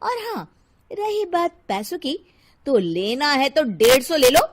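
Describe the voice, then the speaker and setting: A woman voicing a stingy, sharp-tongued young housewife in an animated cartoon, scolding and bossy. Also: sits high, measured pace, pitched above the performer's own voice, heavily acted.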